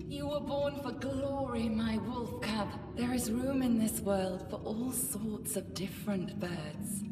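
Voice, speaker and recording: An actress voicing a doting, proud woman from a fantasy game, slow and lyrical. Her voice sounds far off and roomy, with a long reverb tail, under loud music. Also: mid-range voice, close to an everyday voice. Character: doting, proud woman urging a young king.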